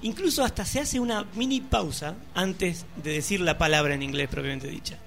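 A man's voice: high-pitched, a little fast, fairly bright tone. An Argentine man on a podcast, explaining himself curiously with small hesitations in casual chat.

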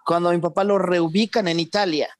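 A man's voice: high-pitched, steady tone, brisk. Man, thoughtful podcast guest. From born in Argentina, raised in Mexico. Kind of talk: conversational interview.

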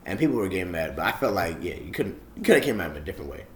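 A man's voice: sits low, sing-song, very fast. A young man in casual chat as a podcast co-host, rambling with many fillers and restarts. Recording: roomy echo, faint background noise.

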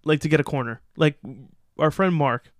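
A man's voice: a little high, moderate pace, no echo, studio quality. A man co-hosting a casual sports podcast, reading out draft picks and giving loose, opinionated takes. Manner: opinionated, loose, reads out picks then riffs. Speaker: podcast co-host.

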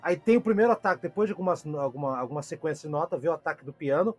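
A man co-hosting a casual music chat, jokey and quick to interrupt, repeating words as he explains. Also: a little high, animated, slightly rough. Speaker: co-host. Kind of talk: casual podcast chat about classical music.

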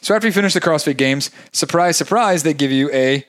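A man's voice: on the high side, quick pace, a bit bright. A man co-hosting a casual podcast, rambling and joking as he talks. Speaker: podcast co-host.

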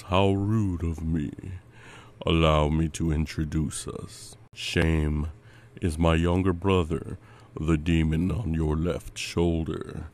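A man voicing a courteous ancient demon in a disguised, unnaturally deep voice, speaking a dark scripted monologue slowly, formally and with menacing politeness. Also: exaggerated voice.

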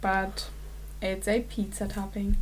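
A woman from Los Angeles co-hosting a podcast, cheery and quick to laugh during a word game. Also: medium pitch, little pitch movement, a little hiss or hum. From Los Angeles, California. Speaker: podcast co-host. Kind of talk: casual game chat.

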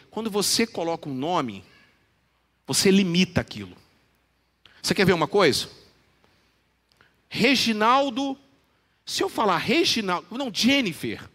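A man preaching a sermon in a church, addressing listeners by name and quoting scripture slowly and with emphasis. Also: sits high, bright, forceful tone. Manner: preaches with rising emphasis, quoting scripture with slow deliberate phrasing. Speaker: pastor. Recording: long reverb of a church hall.

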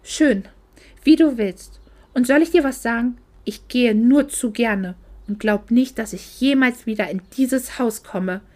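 A woman's voice: sits high, animated, normal speed. A woman voicing a hurt young woman home for Christmas who lashes out at her family with indignant outbursts. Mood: hurt, angry.

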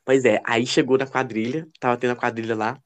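A man co-hosting a podcast, telling gossipy stories in a casual, animated way. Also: fairly quick. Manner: expressive, lively pitch. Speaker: podcast co-host. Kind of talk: casual chat.

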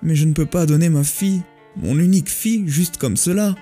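A man's voice: a little high, expressive, moderate pace, mellow, breathy edge, faint music behind. A man doing a tearful, frightened rich old man. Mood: fearful, pleading. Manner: pleading, stammering.

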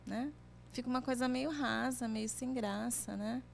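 A woman's voice: fairly high pitch, fairly even intonation, unhurried, gravelly, slight background noise. A woman career coach explaining things in a chatty way, often ending phrases with tag questions. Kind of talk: conversational advice chat.

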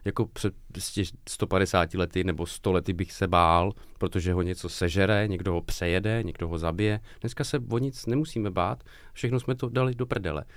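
A man co-hosting a casual podcast chat, blunt and animated, swearing freely. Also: deep voice, hardly any pauses, dry recording, studio quality. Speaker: podcast co-host.

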